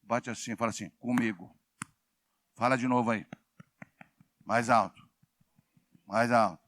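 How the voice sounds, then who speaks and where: A man's voice: medium pitch, steady tone, unhurried, dry recording, studio quality. A pastor in his sixties preaching a sermon, calling on the congregation to repeat his words aloud. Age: 60s. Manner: call-and-response preaching, shouting prompts to the congregation. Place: church hall.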